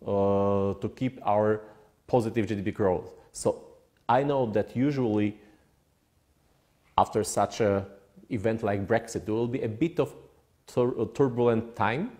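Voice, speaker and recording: A man with a Polish accent giving formal interview answers in a deliberate, diplomatic way with hesitant phrasing. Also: lowish voice, warm tone. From Poland. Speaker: ambassador, interview guest.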